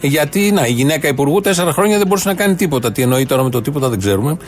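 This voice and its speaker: A man's voice: on the high side, animated, soft background music. A man hosting a satirical news show, reading items in a mock-serious, sarcastic way.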